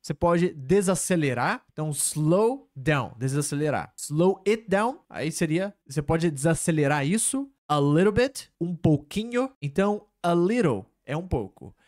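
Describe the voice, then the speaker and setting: A man's voice: fairly high pitch, animated, normal speed, hardly any pauses, darkish tone, dry recording, studio quality. A man teaching English, patiently explaining phrases from a clip and checking in with tag questions. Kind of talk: explaining a show clip line by line.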